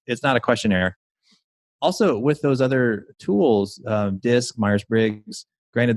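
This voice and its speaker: A man being interviewed as a mindset coach and speaker, explaining his method in a confident, pitch-like way. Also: dry recording, studio quality.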